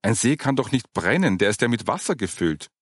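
Man reading curious boy, surprised asking, lively tone, dry sound. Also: medium pitch, a little fast, no room sound.

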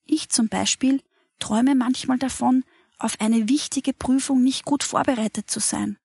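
A woman voicing a kind mother who comforts a child in a calm, gentle, reassuring way. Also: high voice, a little slow, creaky, breathy edge, dry recording, clean studio sound, exaggerated voice.

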